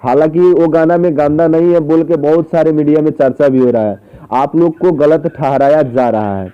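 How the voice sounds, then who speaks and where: In a recorded phone interview, a man with a fairly high, smooth voice questions someone insistently at a moderate pace, repeating his phrases. The phone call sounds muffled and dull.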